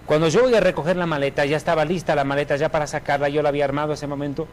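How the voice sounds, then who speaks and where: A man giving a personal religious testimony in an emphatic, animated storytelling manner. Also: fairly high pitch, racing, rough recording.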